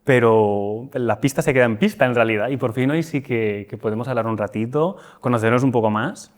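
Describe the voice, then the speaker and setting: Man host, mid pitch, chatty and enthusiastic. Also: brisk. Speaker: podcast host. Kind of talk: interview host.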